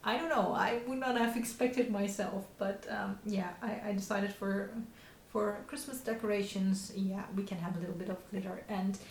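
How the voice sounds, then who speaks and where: With a mid-range voice, fairly even intonation and a moderate pace, a woman in her thirties from the Netherlands hosts a knitting podcast in Dutch-accented English. Her casual show-and-tell chat is hesitant, packed with fillers, restarts and frequent small laughs, recorded in an echoey room with faint background hiss.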